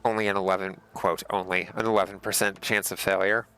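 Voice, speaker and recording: A man's voice: deep voice, level tone, a little fast, pushed and bright, slight background noise. A man reading game narration aloud with casual commentary as a streamer.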